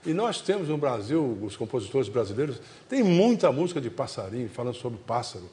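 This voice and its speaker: Speaking fairly quickly in a darkish, mid-range voice, this Brazilian Portuguese-accented TV host in his seventies is very animated. On a studio stage before an audience, with a lapel mic, he keeps up a folksy, rambling, repetitive chat packed with diminutives.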